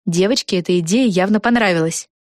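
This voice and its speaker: A woman narrating a children's audiobook in an expressive storytelling voice. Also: fairly low pitch, fast talker, no echo, studio quality.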